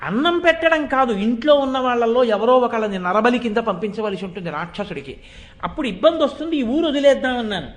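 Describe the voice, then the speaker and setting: A man's voice: very high voice, animated, fast. A man voicing a weeping old village priest who pleads and laments, told within a storytelling sermon. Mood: pleading.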